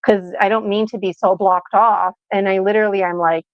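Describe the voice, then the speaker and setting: A woman's voice: mid-range voice, steady tone, brisk, dry recording. Woman podcast host, rambling casual chat, slightly muffled lo-fi audio, dry sound. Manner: chatty, rambling, laughing at herself.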